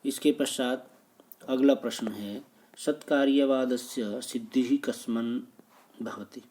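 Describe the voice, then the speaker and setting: A man's voice: medium pitch, fairly even intonation, slow pace, darkish tone. A man teaching as he works through exam questions, reading each one, restating it and explaining the answer. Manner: reads a question, then repeats and explains it.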